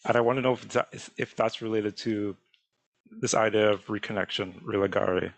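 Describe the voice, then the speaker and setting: Man from Trinidad, host, low voice, dry sound, halting questions. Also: fairly even intonation, vocal fry, no room sound. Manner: halting, searching for words. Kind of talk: interview questions.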